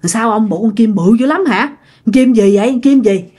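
Lady doing worried old grandma, fussing questions, highish voice. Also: brisk, dark tone, husky. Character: old anxious great-grandmother, fretful wife.

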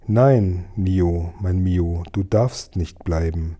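A man's voice: low-pitched, takes it slowly. A man voicing a sad, tender old king speaking lovingly to his son in a storybook reading. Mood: sorrowful. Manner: soft, sorrowful, loving.

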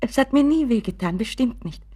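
A woman's voice: on the high side, animated, brisk, dark tone, slightly rough. An actress playing an anxious, doting mother of a grown son in a radio play, pleading and fretful, often sinking to a whisper.

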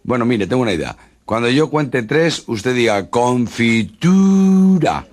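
A man voicing a nasal young woman with a huge mouth who speaks in a high, whiny, drawn-out way, on an old cassette joke tape. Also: expressive, natural voice. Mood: pleading.

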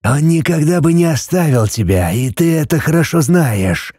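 A man voicing an ancient male basilisk, speaking hushed, slow and measured, a little higher than his own voice. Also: animated, breathy edge, dry recording, studio quality. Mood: admonishing. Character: ancient male basilisk, calm, wise and admonishing.

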